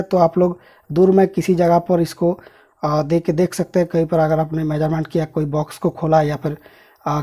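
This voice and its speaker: A man's voice: high voice, mellow. A man hosting an electronics channel, casually unboxing and reviewing a device and explaining each part to viewers as he handles it.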